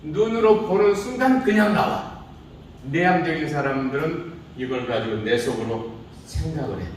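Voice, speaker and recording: A middle-aged man with a slightly high voice, speaking at normal speed, teaches a speech class in a classroom. As the speech instructor, he lectures casually and bantered informally with students, teasing them with rhetorical questions. The room sounds echoey, he's recorded from far off, and there's slight background noise.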